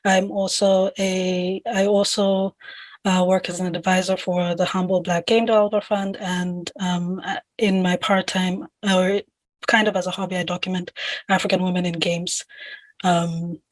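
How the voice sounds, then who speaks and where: A woman's voice: fairly low pitch, little pitch movement, normal speed, no echo, low-quality recording. A woman from Zambia moderates an online panel in a loose, friendly way, asking questions with plenty of fillers. Her headset gives a dry, close sound with no room. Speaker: moderator, game producer. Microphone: headset on video call.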